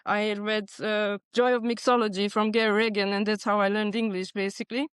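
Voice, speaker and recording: A woman's voice: medium pitch, level tone, a little fast, clear, resonant tone, no echo. A woman in her forties from Transylvania, a Hungarian native speaker, talking earnestly and reflectively as a podcast guest. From Transylvania, Romania. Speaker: podcast guest, bar consultant. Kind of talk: casual interview chat.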